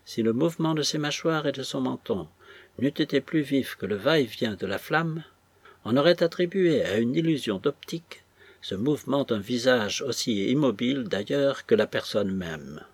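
A man reading a novel aloud as an audiobook narrator, in a measured, dramatic storytelling manner. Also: medium pitch, lively intonation, husky, dry recording.

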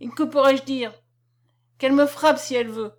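A huge, drunken old captain, as a woman reader puts him on, roaring his scorn and then pleading. The voice sits higher than a man's, pushed up loud and blustering. It is a storybook reading. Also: measured pace.

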